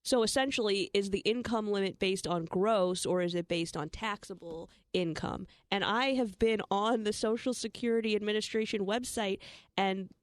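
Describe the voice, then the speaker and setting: A woman co-hosting a financial talk show, explaining listener questions in a brisk, enthusiastic way. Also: mid-range voice, no echo, studio quality. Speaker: financial radio show co-host. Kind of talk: casual talk radio chat.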